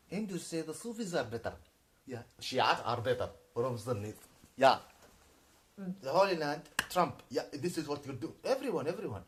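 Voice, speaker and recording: A man of about forty in a ranting YouTube monologue, halting and repetitive, swinging between shouted outbursts and low muttering. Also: slightly rough.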